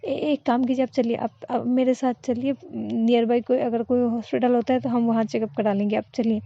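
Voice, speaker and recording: A woman's voice: on the high side, level tone, no echo, highs cut off. Bhavna, a woman voicing an anxious caring young woman. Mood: worried. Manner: worried, pleading, fast questions.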